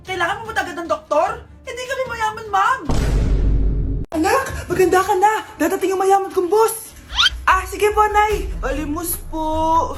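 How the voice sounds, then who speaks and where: Woman doing comedy skit voices, super high pitched, loud bickery delivery, little bit of music behind. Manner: exaggerated, bickering comic delivery with sudden shouts. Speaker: comedy skit performer playing several parts.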